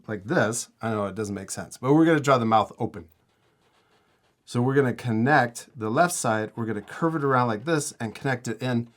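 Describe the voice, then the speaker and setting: Teaching kids to draw, a male host walks through a casual art lesson one step at a time, keeping his directions simple and encouraging. His voice is medium-pitched with a fairly bright tone.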